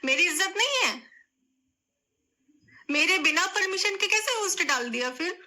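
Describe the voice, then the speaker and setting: A woman's voice: very high voice, expressive, normal speed, pushed and bright. A young woman vlogger speaking straight to her viewers, tearful and pleading, repeating her phrases as her voice breaks. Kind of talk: emotional vlog statement to camera.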